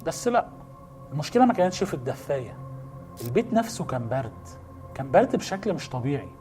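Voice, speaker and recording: An Egyptian man narrates a first-person horror story with brisk suspense. He keeps a quick pace in a slightly high voice. Faint music runs under him. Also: sing-song, a little mellow. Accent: Egyptian Arabic. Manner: brisk, suspenseful, addresses the listener directly.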